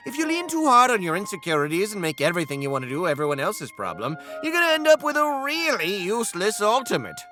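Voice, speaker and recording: A man's voice: high-pitched, big pitch swings, quick pace, hardly any pauses, sharp tone, soft background music, full character voice. A man voicing a snarky, lecturing cartoon character with a sarcastic, pointed delivery. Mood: smug scolding.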